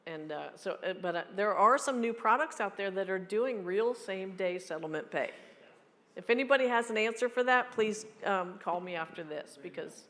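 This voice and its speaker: A woman in her fifties giving a keynote and answering audience questions in a blunt, joking, fast-talking way. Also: mid-range voice, animated, a bit bright. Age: 50s. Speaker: keynote speaker. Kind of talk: live Q&A at a meeting. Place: large hall. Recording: long hall reverb.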